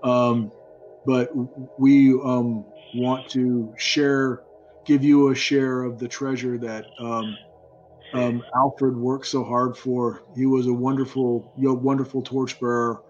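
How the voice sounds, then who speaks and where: Man doing a somber adventurer consoling a mother, halting apologetic speech, mid pitch, muffled video call sound, music underneath. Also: flat delivery, a little mellow, natural voice. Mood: sorrowful. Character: solemn male adventurer consoling a grieving mother. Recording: dull lo-fi video call audio.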